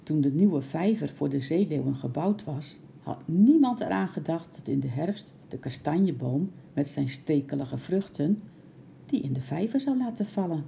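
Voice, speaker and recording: A woman narrating a children's storybook aloud in a calm, lively way. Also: sits low, moderate pace, gravelly, slight background noise.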